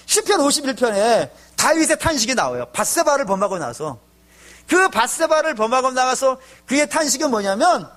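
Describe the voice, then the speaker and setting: High, lively-voiced man preaching a sermon. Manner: swings between loud pleading and hushed low tones; acts out tearful prayers in his own voice. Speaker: pastor.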